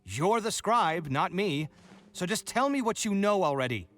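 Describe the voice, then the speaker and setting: Prickly young architect in a game, bickers nonstop, voice swings up and down, a bit high. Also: male voice, big pitch swings, fairly bright tone, soft background music. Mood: irritated. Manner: indignant and quick to bicker. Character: proud, hot-tempered young male architect. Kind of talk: video game voice acting.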